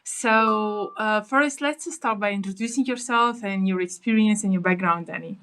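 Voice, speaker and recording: A woman's voice: mid-range voice, moderate pace, a bit bright, slight background noise, low-quality recording. A woman hosting a podcast interview over a video call, who asks questions hesitantly and leans on fillers and the word "actually.". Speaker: podcast host. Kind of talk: casual interview conversation.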